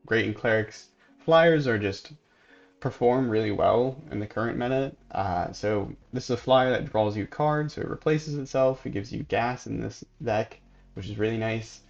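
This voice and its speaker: A man hosting a gaming channel, casually commenting on gameplay and thinking aloud in a relaxed, sleepy way. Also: lowish voice, creaky, lo-fi sound. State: sleepy, yawning.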